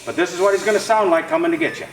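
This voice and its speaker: A man's voice: high voice, rapid-fire, roomy sound, distant mic, soft background music, low-quality recording. A man, a firefighter, patiently explaining gear step by step to children. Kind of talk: fire safety demonstration for children.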